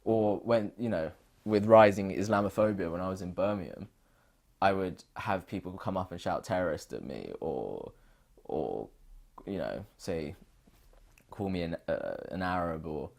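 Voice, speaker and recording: A man's voice: low voice, lively intonation, a little slow, gravelly, darkish tone. A British man speaking earnestly and reflectively in an oral history interview, thinking aloud with frequent restarts. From United Kingdom.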